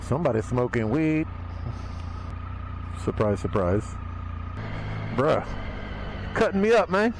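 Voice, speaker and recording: A man's voice: medium pitch, sing-song, slow, vocal fry, pauses often. Man chatting over wind and road noise. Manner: chatty, slangy, musing to himself. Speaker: motorcycle vlogger. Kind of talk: casual riding commentary to camera. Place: outdoors on a moving motorbike in wet city traffic. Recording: outdoor wind, engine and traffic noise. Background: wind, vehicle and road noise.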